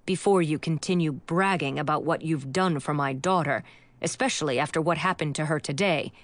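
A woman's voice: sits low, brisk, dry recording, voice pushed down, close to an everyday voice. A woman voicing a stern middle-aged father who speaks in an icy, clipped way. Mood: cold stern.

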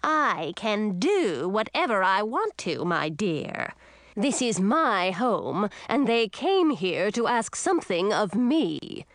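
A woman voicing an old, menacing female sea witch who draws out her threatening words slowly. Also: mid-range voice, very animated, no echo. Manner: slow, drawn-out threatening delivery.

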